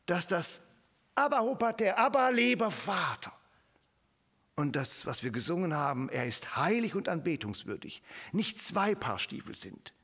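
Husky, animated male preacher in a reverberant hall. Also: high-pitched, unhurried. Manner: dramatic swings from whispers to emphatic raised lines; addresses the congregation directly with rhetorical questions. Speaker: pastor. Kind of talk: sermon.

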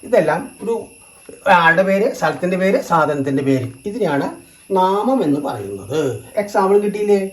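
A teacher walks through a grammar lesson, repeating every term and example slowly, in two languages. The voice sits at a middle pitch. The room rings with noticeable echo. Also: very animated. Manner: slow and repetitive, stating each term in two languages.

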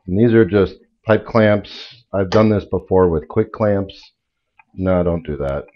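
A man's voice: low voice, unhurried, dull audio, slight background noise. A middle-aged man casually explaining a DIY build in his home garage workshop, practical and plain, with small restarts, recorded by a camera a few steps away. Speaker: DIY channel host.

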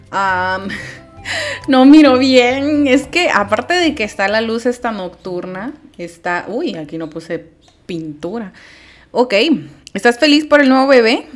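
A woman casually commenting on her life-simulation game, chatty and quick to shriek in alarm. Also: medium pitch. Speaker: gameplay commentator. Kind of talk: casual let's-play commentary.

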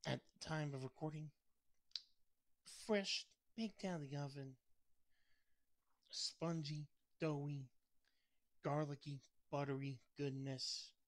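A man reviews food in a casual vlog, talking while chewing. His delivery is slow and halting, full of fillers. The recording is dry and close. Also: fairly high pitch, steady tone, no echo. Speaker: mukbang vlogger.

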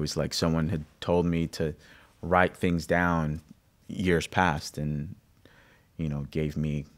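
A man in his thirties, born in Greece, speaking reflectively with halting restarts as a musician guest interviewed in a recording studio. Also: a bass voice. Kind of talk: conversational interview. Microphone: studio condenser mic on stand.

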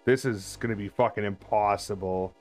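A man in his thirties with a fairly low voice, streaming a horror game. He chats casually to his viewers and swears freely as he plays. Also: fairly even intonation, normal speed, a little mellow, soft background music. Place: indoor room at a streaming desk.

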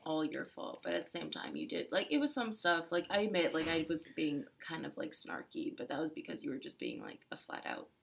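A woman's voice: low-pitched, wildly swooping pitch, fairly quick, gravelly, hardly any pauses, husky. A young woman chatting casually as a vlog co-host, adding frequent agreeing yeahs.

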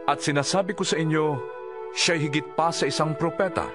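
A man voicing Jesus as a calm, authoritative teacher in an audio Bible drama, speaking in a solemn, measured way. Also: on the high side, close to an everyday voice. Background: music.

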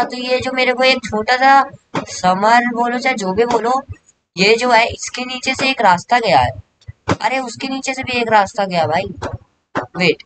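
A young man giving excited gameplay commentary as a gaming YouTuber, repeating words in a rush. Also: high-pitched, noisy background. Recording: background music under voice.

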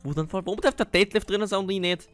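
A man's voice: sits high, racing, a bit bright, no echo, soft background music. Austrian gamer man, hesitant and jumpy. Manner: hesitant, full of fillers, bursts into panicky yelps. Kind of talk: Minecraft role-play let's play.

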